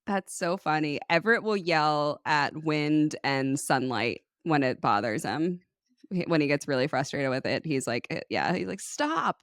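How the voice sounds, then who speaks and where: A low-pitched woman co-hosting a podcast, telling childhood stories in a lively way and laughing often. Her voice is close and dry, with no room sound. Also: normal speed, dry recording. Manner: animated storyteller, laughs often. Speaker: podcast co-host. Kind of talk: casual conversation.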